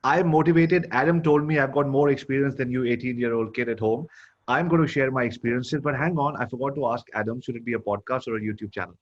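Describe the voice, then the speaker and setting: A man's voice: medium pitch, quick pace. A man hosting an interview who asks long questions built around imagined scenarios. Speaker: interview host. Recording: dull lo-fi sound.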